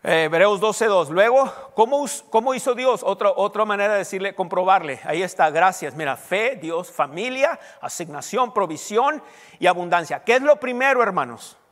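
A man's voice: sits high, animated, moderate pace, fairly bright tone. A man preaching a sermon as pastor, teaching and quizzing his congregation with call-and-response questions. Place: church hall. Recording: long hall reverb.

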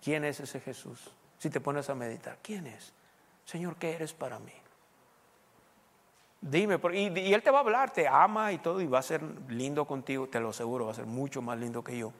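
A man's voice: medium pitch, normal speed, a bit bright. A man preaching a sermon in a conversational way, asking his listeners question after question. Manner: conversational preaching, rhetorical questions, occasional English phrases. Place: U.S. Southwest. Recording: long reverb in a hall.

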